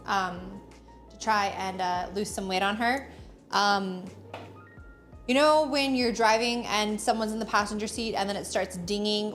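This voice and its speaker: A woman chatting casually while baking in a home kitchen, talking playfully to viewers. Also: mid-range voice. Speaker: home baker, co-host. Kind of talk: casual kitchen chat on a livestream.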